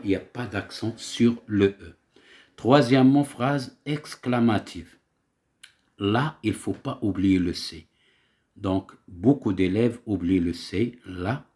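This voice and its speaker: A man's voice: on the low side, darkish tone. A male teacher giving a grammar lesson, explaining step by step and asking himself rhetorical questions.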